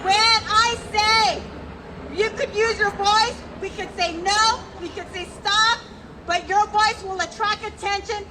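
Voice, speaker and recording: A woman working as a self-defense instructor, leading a crowd through call-and-response drills with commanding, energetic shouted cues into a handheld mic at an outdoor rally. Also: very high-pitched, slow pace, background noise. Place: outdoor rally on a city hall lawn. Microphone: handheld microphone. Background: faint crowd.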